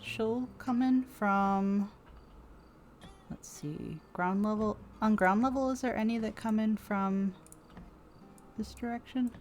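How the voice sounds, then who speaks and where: A woman's voice: medium pitch, takes it slowly, long pauses, darkish tone, a little hiss or hum. A woman playing in a tabletop game, chatting casually and thinking aloud as she plans her character's moves. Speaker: player.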